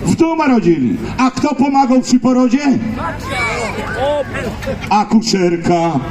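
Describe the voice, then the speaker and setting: Male stage entertainer, Silesian accent, high and very lively voice, folksy comic storyteller working a crowd over an echoey PA. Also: takes it slowly. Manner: folksy, exclamatory, repeats phrases, addresses the crowd. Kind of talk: comic storytelling to a live audience. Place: live stage at a picnic event. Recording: echoey live PA with music.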